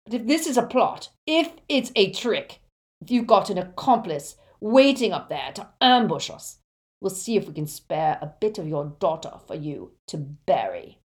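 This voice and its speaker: A woman voicing a cruel male villain wizard with a rough, shouting voice in an audiobook. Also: sits low, sing-song, normal speed, hardly any pauses. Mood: menacing threat.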